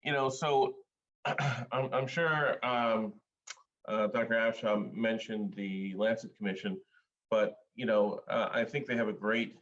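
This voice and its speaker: Originally from Bangladesh, this male surgeon gives a panel talk in academia, pausing often and using many filler sounds as he measures his words. The pitch is fairly low and a bit bright, captured in lo-fi sound.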